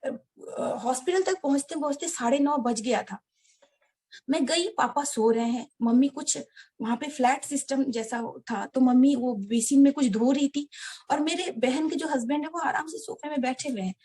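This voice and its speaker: A woman telling a personal story to a devotional gathering, earnest and halting, often addressing her listeners directly. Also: high voice, mellow. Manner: many restarts and hesitations. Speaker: devotee sharing a personal experience. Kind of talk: heartfelt personal storytelling to an audience.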